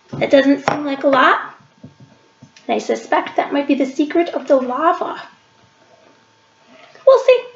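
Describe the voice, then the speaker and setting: A library cooking show host talks her way through each step of a home cooking demo in her kitchen, filmed on a webcam across the counter. Her voice is high, and the echoey kitchen and dull lo-fi webcam audio carry a little hiss or hum.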